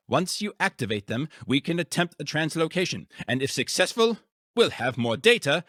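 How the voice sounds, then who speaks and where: A male actor voices an eccentric, grandiose, secretly villainous mad scientist in a video game, with a theatrical, pompous, wordy manner and an urgent, conspiratorial mood. His voice sits high with a fairly bright tone, captured in a dry, studio-quality recording.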